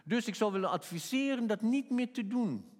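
Male preacher, slightly high, very expressive delivery, sermon storytelling; long hall echo. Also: normal speed. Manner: animated, rising to emphatic peaks.

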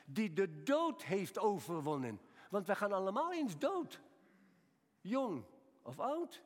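In a hall with long reverb, a man in his seventies with a high voice preaches a sermon. He tells personal stories, shifting between quiet, slow passages and raised, emphatic appeals.

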